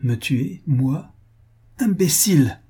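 Young countess, read by a man, fierce, cold, contemptuous, sharp retorts, raised voice, husky. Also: fairly high pitch, expressive, slow pace, pitched above the performer's own voice, full character voice. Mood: furious.

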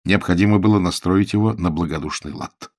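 Male storybook narrator, low-pitched, animated, recorded close and dry. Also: a little fast, no room sound. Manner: expressive, animated reading. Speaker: audiobook narrator. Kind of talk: scripted narration.

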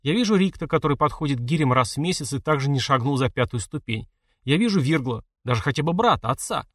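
A man's voice: fairly high pitch, expressive, quick pace, a bit bright, no echo, clean studio sound. A man voicing a sulky stubborn village boy. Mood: defensive. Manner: snappish, grumbling.

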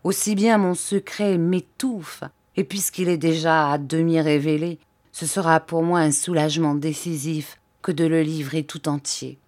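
A woman reading aloud who voices an excitable young English male inventor, exclaiming in loud, feverish outbursts. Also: sits low, a little slow, no room sound.

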